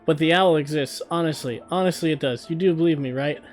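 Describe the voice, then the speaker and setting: A man's voice: on the high side, fast, soft background music, natural voice. A man voicing a frightened little girl in a game, pleading that the owl is real. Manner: pleading, anxious. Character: scared little girl, young sister.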